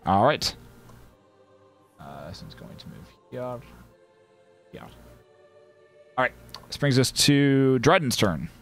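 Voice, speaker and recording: A man's voice: mid-range voice, very animated, takes it slowly, long pauses, a bit bright, soft background music. Man game master on voice chat. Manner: loose narration, many fillers. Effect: online group voice chat. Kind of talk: running a tabletop game.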